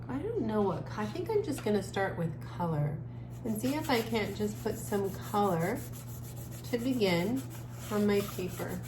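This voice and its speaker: Recorded in an echoey space with noticeable background noise, this woman is an art teacher guiding kids through creative drawing. Her slow, mid-pitched speech is gentle and relaxed, and she thinks aloud, trailing off into pauses as she works.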